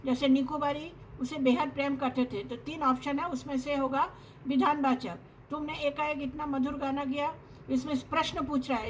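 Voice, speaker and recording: A middle-aged woman teaches a grammar lesson in a high, clear voice. She is patient and keeps asking her students whether they follow. A faint hiss sits under the recording. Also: fairly bright tone, low-quality recording. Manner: patient, checks in with students often.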